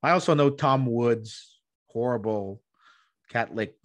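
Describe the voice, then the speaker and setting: With a mid-range voice and measured pace, a thirtysomething economic historian argues his point during a podcast interview. He is emphatic and repeats words along the way, speaking over a video call from a small room at home into a close desktop microphone that yields a dry recording.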